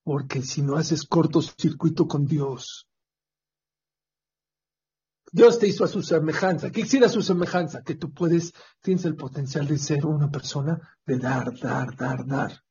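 Husky speaker with a Mexican accent. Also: female voice, low voice, unhurried, warm tone. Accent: Mexican Spanish. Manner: emphatic, asks the audience questions. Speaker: religious speaker. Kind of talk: sermon with storytelling. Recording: dull lo-fi recording.

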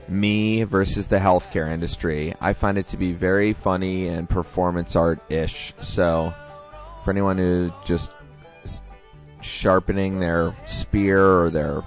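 Male podcast host, low register, casual chat over faint guitar music.

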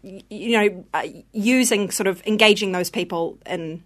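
A woman's voice: mid-range voice, normal speed. A woman with a broad New Zealand accent, explaining things informally and a little hesitantly as a guest in a casual interview. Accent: broad New Zealand (Kiwi). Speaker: theatre company performer, interview guest.

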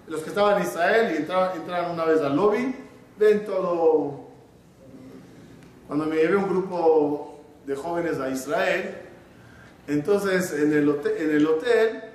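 A man's voice: on the high side, recorded from a distance, slight background noise. A man, giving a humorous sermon as a rabbi, telling a story and acting out its dialogue. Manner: animated, acts out the dialogue of his story. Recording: echoey room, speaker off-mic.

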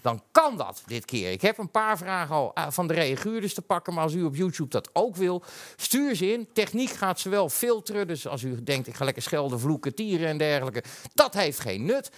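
A man's voice: high-pitched, big pitch swings, normal speed, a bit bright. A Dutch man hosting a casual live talk show, chatty and rambling, with many fillers and restarts. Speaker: host.

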